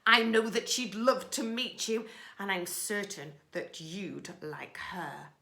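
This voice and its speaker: A woman's voice: mid-range voice, takes it slowly, gravelly, bright, forceful tone, roomy sound, slight background noise, heavily acted. A woman voicing a cunning young female duck in a children's storybook, coaxing in a persuasive sing-song way.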